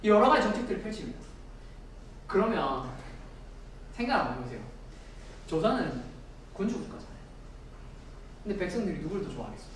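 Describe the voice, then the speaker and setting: Lively male history lecturer. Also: high-pitched, brisk, pauses often, slight background noise. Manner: animated, asks the audience questions. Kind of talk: storytelling lecture. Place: lecture hall. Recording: echoey lecture room.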